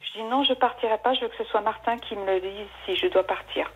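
A woman's voice: medium pitch, fast talker, slight background noise. A woman calling in to a live radio show, telling a long personal story with many restarts. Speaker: caller. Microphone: telephone. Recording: dull phone line.

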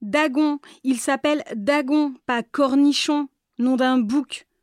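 A woman's voice: high-pitched, steady tone, slow, darkish tone, no echo, clean studio sound. Woman doing a grumbling witch mother. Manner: scolding, exasperated. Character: stern, grumbling witch mother, majestic and cross.

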